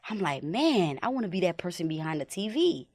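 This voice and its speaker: A young woman with a low voice speaks as a podcast guest, recalling her path into directing films. She talks in an unhurried, reflective way, leaning on "like" and "you know." Her voice is recorded dry and close on a studio mic. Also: very animated, darkish tone, no echo. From Haiti. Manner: reflective storytelling, many "like" and "you know" fillers. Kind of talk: casual podcast interview.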